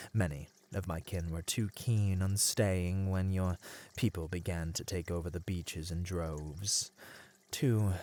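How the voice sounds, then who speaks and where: A low-voiced man plays a captive merman in an ASMR roleplay, charming, plaintive, and slyly persuasive. He speaks gently in formal, wistful phrases.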